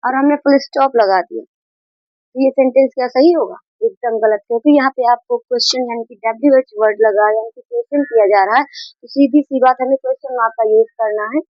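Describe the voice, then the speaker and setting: A woman's voice: fairly high pitch, fairly quick, no room sound, muffled recording, soft background music. A woman teaching a grammar lesson, explaining patiently, repeating key points and mixing in English terms.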